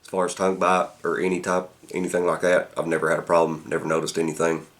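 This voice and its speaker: Man, very deep voice, casual review delivery, halting, thinking aloud. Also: monotone. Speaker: pipe tobacco reviewer.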